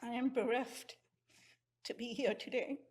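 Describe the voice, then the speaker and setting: A middle-aged woman from Sri Lanka, giving an earnest, heartfelt memorial eulogy at a measured pace. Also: a little high, steady tone, a little mellow, breathy edge.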